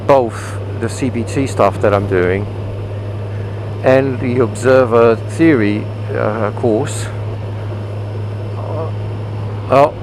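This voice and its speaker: A man's voice: mid-range voice, takes it slowly, pauses often. British man talking inside a motorcycle helmet. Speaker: motorcycle vlogger. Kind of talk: casual explanatory vlog talk while riding. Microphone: microphone inside the helmet. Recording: clear engine, wind and traffic noise.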